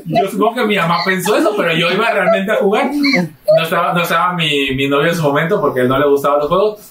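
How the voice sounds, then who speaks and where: A man's voice: high-pitched, fast. A young Mexican man casually telling a story among friends on a podcast, acting out his family with shrieking voices. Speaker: podcast host. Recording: echoey room, distant mic, faint noise.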